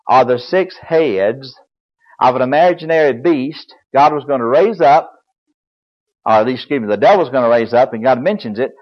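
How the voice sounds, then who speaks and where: Older man, preacher, Bible lecture sermon, folksy and explanatory, middle pitch, muffled lo-fi recording. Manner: folksy, explanatory, spells words aloud. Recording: dull lo-fi recording.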